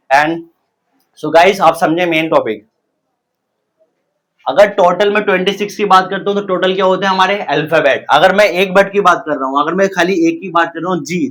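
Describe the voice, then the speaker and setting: A man's voice: a little high, a bit bright. Man teaching English in Hindi. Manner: explains step by step, asks and answers his own questions; addresses viewers as guys. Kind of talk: Hindi-language English lesson.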